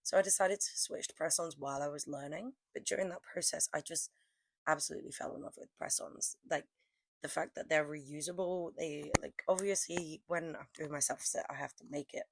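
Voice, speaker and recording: This is casual vlog narration from a young press-on nail artist whose cold is stealing her voice, leaving it low, hoarse and croaky. She meanders through her nail art with lots of fillers, recorded with no room sound.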